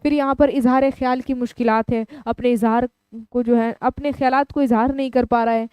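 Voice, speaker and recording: A woman's voice: a little high, steady tone, a little fast, clear, resonant tone, no room sound, lo-fi sound. A woman teaching an exam-prep lecture, explaining each term and repeating it in plain words. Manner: explanatory, repeats terms in several languages.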